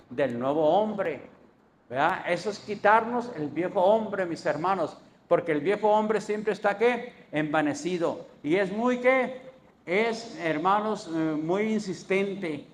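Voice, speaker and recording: A man preaching a sermon as pastor, asking rhetorical questions and answering them, swinging between loud emphasis and low, quiet endings.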